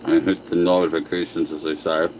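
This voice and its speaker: A man's voice: rumbling low, little pitch movement, a little fast, noisy background. A man chatting casually on a livestream while eating, answering viewer comments and talking with his mouth full. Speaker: livestream host.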